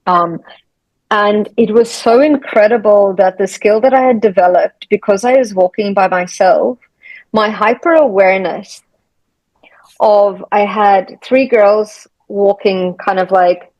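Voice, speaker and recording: A woman's voice: mid-range voice, a little mellow, no echo, poor audio. Woman telling a story, dry sound. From South Africa. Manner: storytelling, reflective. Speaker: podcast host. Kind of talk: casual conversation.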